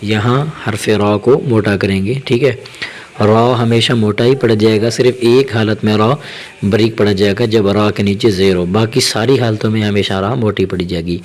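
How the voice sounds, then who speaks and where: A man teaching Quran reading as a teacher. He explains quickly and then spells out the syllables slowly and drawn out. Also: fairly low pitch, steady tone, darkish tone. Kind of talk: spelling-out lesson.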